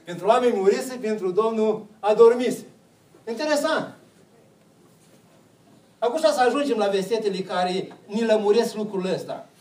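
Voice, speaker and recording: A man's voice: high-pitched, pauses often, darkish tone, reverberant, far from the mic, low-quality recording. A man preaching a sermon, putting questions to the congregation and answering them himself.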